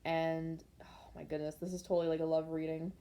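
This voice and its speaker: Chatty, mellow-voiced woman tarot reader. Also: sits low, a little fast. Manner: chatty and excitable, trailing off with "like". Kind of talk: pick-a-card tarot reading.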